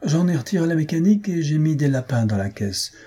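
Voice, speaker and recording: A man's voice: fairly high pitch, very animated, a little fast, warm tone, slightly rough, voice pushed up. A man voicing a blunt, eccentric friend who says odd things matter-of-factly. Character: blunt eccentric male friend, dry joker.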